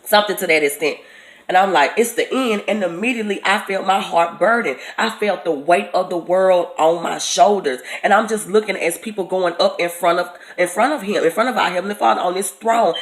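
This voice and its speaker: A woman's voice: mid-range voice, rough recording. A woman telling a personal testimony of a dream in an earnest, storytelling way, repeating her words for emphasis.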